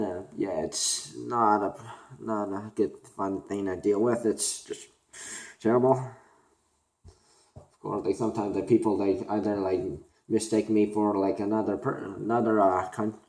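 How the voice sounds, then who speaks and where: A young man from Korea, talking unscripted to camera as a student vlogger, halting and full of fillers and restarts. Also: on the low side, a little mellow. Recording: roomy echo.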